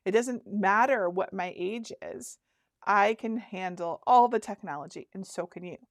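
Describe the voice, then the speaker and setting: On a relaxed livestream, a craft workshop host in her fifties talks with her viewers, reads out their comments, laughs a lot, and frequently starts sentences over. She speaks in a mid-range voice at a measured pace. The recording is studio-clean, with no room sound.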